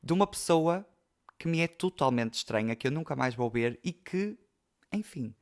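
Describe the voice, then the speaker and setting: A young man with a European Portuguese accent hosts a podcast, telling personal stories casually in a chatty, emotional way full of fillers. His voice is a little high, with lively intonation and a moderate pace.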